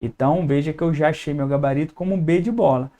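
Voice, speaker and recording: A male teacher with a Brazilian Portuguese accent, his voice sitting a little high for a man. He walks through an exam-prep lesson at a whiteboard, step by step. He keeps checking that his students are following. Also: fast, mellow, lo-fi sound. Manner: explains step by step, checks in with "tá?" and "beleza?".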